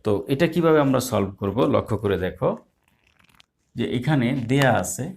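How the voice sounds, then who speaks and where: A man's voice: medium pitch, animated, normal speed, gravelly, a little mellow. A man teaching a math lesson live online, explaining step by step in a patient way with small hesitations.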